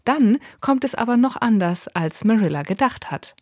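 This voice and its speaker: A woman presenting a scripted audiobook review in a lively, clear way. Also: a little high, normal speed, dry recording. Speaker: book reviewer.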